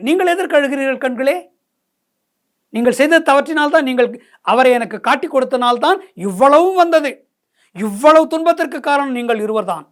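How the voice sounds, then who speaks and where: Woman voicing a grieving wife scolding her eyes. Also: high voice. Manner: reproachful, lamenting, repeating herself. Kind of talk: dramatized poetry explanation.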